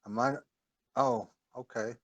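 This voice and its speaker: A man's voice: mid-range voice, steady tone, measured pace, no echo. Hesitant man player, dry sound. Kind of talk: tabletop role-play.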